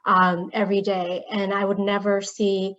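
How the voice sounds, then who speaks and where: A woman's voice: mid-range voice, monotone, measured pace, a bit bright. Woman telling her story over video call. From Bangladesh. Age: 30s. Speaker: conference speaker. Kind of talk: personal storytelling talk. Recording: dull lo-fi video call audio.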